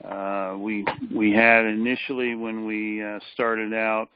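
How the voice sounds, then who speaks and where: A tired man on a phone call, reporting on a meeting in a flat, hesitant way with many fillers. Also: on the low side, takes it slowly, clear, resonant tone, no room sound. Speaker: caller giving a meeting report. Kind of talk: casual chat. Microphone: telephone. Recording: dull phone line.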